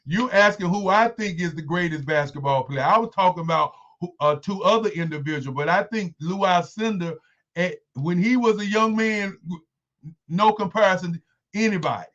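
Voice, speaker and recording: A man's voice: sits high, normal speed, a bit bright, lo-fi sound. A man in his sixties, a guest in a casual interview, talking in an emphatic, repetitive, insistent way. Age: 60s.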